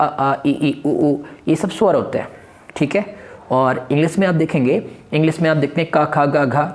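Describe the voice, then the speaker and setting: A man's voice: on the high side, a little mellow. Man teaching, quizzing and answering himself. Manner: asks questions and answers them himself. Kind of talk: exam-prep grammar lesson.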